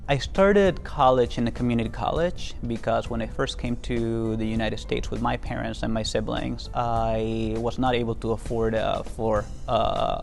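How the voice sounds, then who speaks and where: A man's voice: mid-range voice, gravelly. A young man from Venezuela giving an interview about his work as a diplomat, talking earnestly with many fillers and restarts. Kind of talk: casual interview talk.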